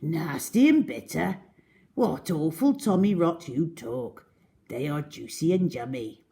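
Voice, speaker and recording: A woman's voice: sits low, expressive, slow, mellow, full character voice. A woman voicing an enormous, greedy, boastful crocodile from a storybook, drawing out words with scheming relish. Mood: gleeful, scornful. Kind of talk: storybook character reading.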